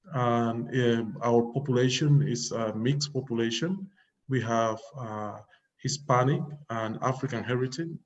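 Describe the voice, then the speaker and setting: Cuban-born man, earnest and halting, on a muffled line. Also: medium pitch, a little mellow. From Cuba. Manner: earnest, halting, many fillers. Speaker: guest musician. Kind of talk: interview answers. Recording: muffled lo-fi call audio.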